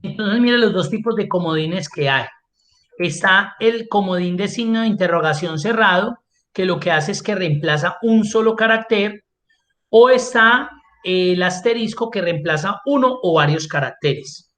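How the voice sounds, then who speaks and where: A man's voice: high-pitched, animated, moderate pace, fairly bright tone. Man teaching an online class. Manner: explains step by step, answers his own questions. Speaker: Excel instructor.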